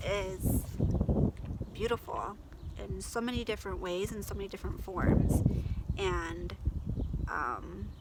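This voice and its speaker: A woman's voice: medium pitch, bright, forceful tone, a little hiss or hum. A woman talking in a heartfelt personal vlog, gushing and emotional, with many fillers. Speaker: vlogger.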